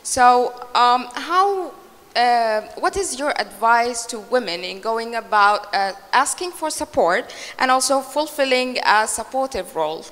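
A woman's voice: a little high, lively intonation, a little slow, a bit bright. A woman moderating a conference panel, polite and hesitant with many fillers, into a handheld mic. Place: large conference hall stage. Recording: reverberant hall.

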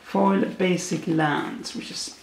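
A man's voice: high voice, fairly even intonation, takes it slowly, vocal fry. A man hosting a casual unboxing video, making wry puns about each card, with his voice echoing around a bare, unfurnished apartment room. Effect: echoey sound from a bare, unfurnished room. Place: new apartment, not yet furnished, indoors. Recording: echoey bare room, faint noise.

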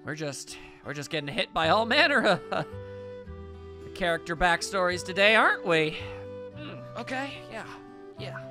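Let's play host, mid-range voice with lively swings, wry casual commentary over clear game music. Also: medium pitch, moderate pace. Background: video game music.

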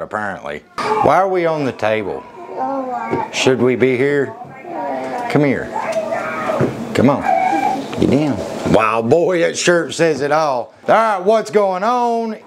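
A man's voice: medium pitch, noisy background. A man, talking casually into the camera in a family vlog in a folksy, chatty way while he looks after his kids. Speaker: family vlogger.

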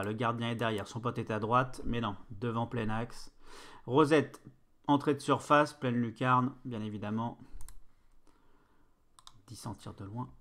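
In a mid-range voice, a man excitedly and informally comments on his football management game stream, breaking into play-by-play and cursing now and then.

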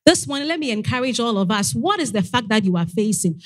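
A woman's voice: fairly high pitch, expressive, quick pace. Young woman preaching a sermon. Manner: earnest exhortation with frequent "Amen". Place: church sanctuary stage. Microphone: handheld mic.

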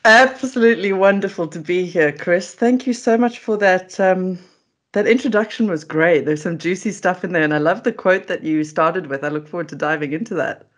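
A middle-aged South African woman, a food coach, joins a remote video call as an interview guest. Her fairly low voice moves at a moderate pace as she tells stories in a chatty, casual, self-deprecating way.

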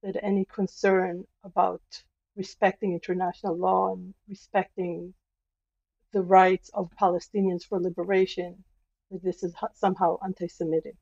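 A woman historian answering interview questions in an earnest, measured, emphatic way. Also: lowish voice, level tone, vocal fry, a little mellow, dry recording, dull audio. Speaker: guest, historian professor.

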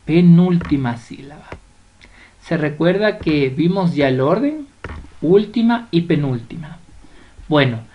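A woman's voice: low-pitched, darkish tone. A woman teacher with an Ecuadorian accent, patiently explaining a lesson, drawing out example words and checking that students follow. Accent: Ecuadorian Spanish. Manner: stretches out example words syllable by syllable, checks understanding. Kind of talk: slow classroom explanation.

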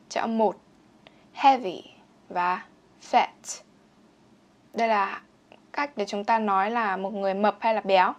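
A young woman with a slightly high voice runs a bilingual vocabulary lesson. She says each English word slowly, repeats it several times for practice, and explains it in Vietnamese. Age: young adult. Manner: repeats words slowly and clearly for drilling. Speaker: English teacher.

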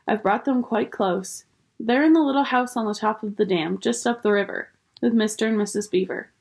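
A woman's voice: fairly high pitch, moderate pace, gravelly, a little mellow. A woman voicing a frightened young boy in a storybook reading, timid and eager to please.

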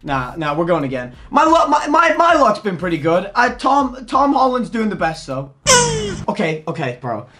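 A young man giving loud, crude, excitable commentary while opening packs in a game, swearing often. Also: high-pitched, moderate pace, slight background noise. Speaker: gaming YouTuber.

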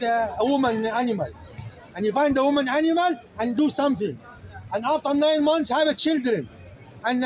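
A man preaching fiercely to an open-air crowd in halting non-native English, calling his listeners "brother" and searching aloud for words. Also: extremely high pitch, poor audio. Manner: fiery, emphatic, calls listeners "brother". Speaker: street speaker debating a crowd. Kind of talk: open-air soapbox debate. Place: outdoor public speaking area in a city. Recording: outdoor crowd noise. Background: crowd of listeners around him.

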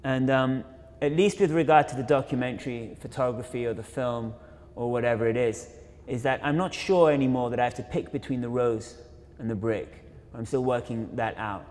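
A young man speaks in a middle-pitched voice, thinking aloud as he lectures, with frequent fillers and restarts. His words ring with the long reverb of a large university auditorium. The tone is an informal illustrated talk by a photographer. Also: normal speed, hardly any pauses, darkish tone. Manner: reflective, many fillers and self-corrections. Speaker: photographer and filmmaker giving a lecture.

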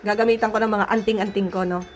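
A woman's voice: medium pitch, fairly even intonation, fast, soft background music. A woman with a Filipino accent, chatting casually to viewers in a home vlog while getting over the flu, her voice a little changed by it. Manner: chatty, addresses viewers as guys. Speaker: vlogger. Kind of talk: casual cooking and gardening vlog.

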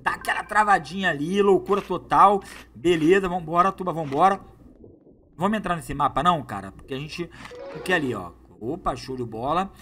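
Hyped gamer dude, high bright voice, slangy play-by-play, faint game noise. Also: male voice, moderate pace. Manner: excitable, slangy, hypes up viewers. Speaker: gaming youtuber. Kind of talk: live gameplay commentary.

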